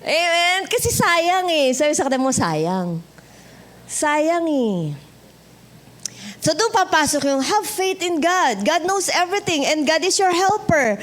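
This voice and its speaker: Filipino woman pastor, high voice, chatty sermon with jokes for the congregation. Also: expressive, normal speed, few pauses, a bit bright. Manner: conversational, switching between Tagalog and English, joking with the congregation. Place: church sanctuary.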